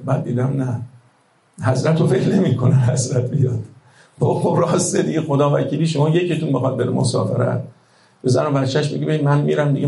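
Gravelly-voiced man preaching a sermon. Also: mid-range voice, echoey room, poor audio. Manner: impassioned, rhetorical, swings between hushed and loud. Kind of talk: religious sermon.

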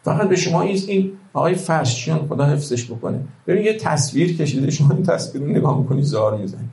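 A man preaching a religious sermon, impassioned and rhetorical, swinging between hushed lines and loud outbursts. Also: a little high, lively intonation, roomy sound, low-quality recording.

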